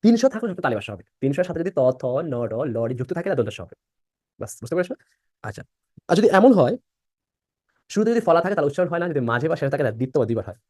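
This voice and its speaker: A young male teacher runs a live online class, restating each rule and firing questions at his students. His voice sits a bit high and swings widely in pitch as he rushes along. The sound is dry and close. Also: sing-song, a little mellow, dry recording. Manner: repeats points and quizzes students by asking questions. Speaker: admission-prep teacher.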